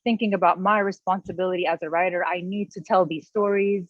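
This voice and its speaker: A woman's voice: lowish voice, fairly even intonation, fairly quick, dry recording. Woman author in her thirties, earnest and emotional, personal storytelling, dry close sound, a bit muffled. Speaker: guest author. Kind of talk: casual interview conversation. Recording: dull, slightly lo-fi, dry sound.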